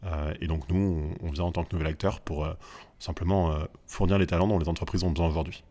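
A man in his twenties, a school founder, speaking as a guest in relaxed interview talk with frequent fillers. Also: low voice. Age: 20s. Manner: fast, measured, many fillers. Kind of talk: casual interview chat.

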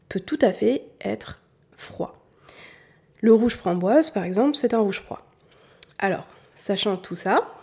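A woman's voice: medium pitch, dark tone, breathy edge. A woman from southern France with a faint southern French accent, patiently explaining a lesson directly to the listener and repeating her key points. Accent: southern French, mostly hidden. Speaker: colour analysis consultant. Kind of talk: explanatory talk to the viewer.

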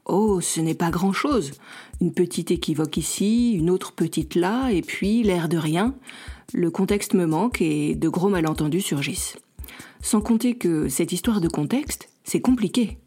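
Woman reading as an earnest young French newcomer to Canada, mellow tone, self-mocking, storybook telling. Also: on the low side, expressive, measured pace, husky, exaggerated voice.

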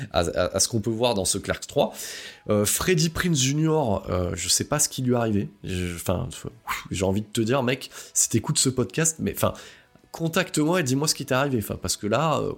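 A man hosting a casual film review podcast, rambling with many hesitations and wry asides. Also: fairly low pitch. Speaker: podcast host.

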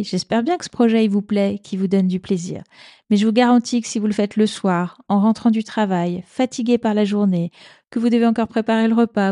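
A woman hosts an advice podcast and speaks directly to her listeners in a relaxed, coaching manner. Her voice is mellow and warm. The recording is close and dry, with no room sound. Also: medium pitch, no room sound. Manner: conversational, coaching, frequent "bah" and "hein". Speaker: podcast host. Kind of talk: career advice podcast monologue.

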